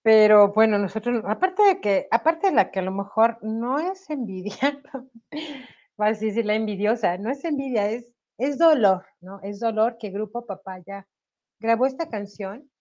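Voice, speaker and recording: A Mexican-accented singer with a slightly high voice talks at a moderate pace during a video call interview at home. The webcam cuts off the highs. Animated and laughing as she talks, she leans on tag questions, and a sore throat gives her a slight cough.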